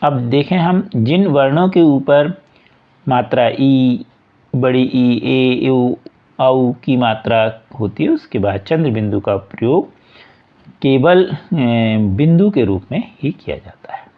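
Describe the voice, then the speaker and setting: Slow patient male teacher, lo-fi. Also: medium pitch, animated. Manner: slow, patient, repeats examples word by word. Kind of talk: explaining a school workbook lesson. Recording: dull lo-fi recording.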